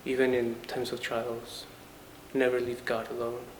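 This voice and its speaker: This poor-quality recording captures a twenty-something Colombian man, a Franciscan friar and painting student, giving a personal, reflective interview monologue. His mid-range voice stays even, his delivery is halting in short phrases, and background noise and ambience are noticeable.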